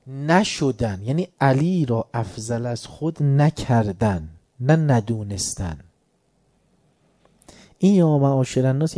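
A man preaching a religious lecture in a dark, mellow voice. He quotes Arabic phrases and then explains them. His delivery swings from hushed asides to loud, emphatic declarations. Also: medium pitch.

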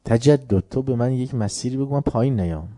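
A man's voice: mid-range voice, warm tone, no room sound, studio quality. A man giving an informal religious lecture as a preacher, talking conversationally and often putting rhetorical questions to his listeners.

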